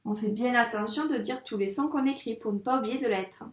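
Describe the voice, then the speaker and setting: A fairly high-voiced woman teacher guides young children through handwriting, slow and encouraging, talking straight to the child. Her voice sounds a little distant from the mic. It echoes around the room. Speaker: primary school teacher.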